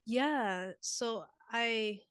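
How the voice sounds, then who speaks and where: Slow-talking woman, smooth voice. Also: fairly high pitch, no echo, studio quality. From Indonesia. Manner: relaxed, chatty, many filler "like"s. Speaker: guest musician. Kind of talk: casual interview chat.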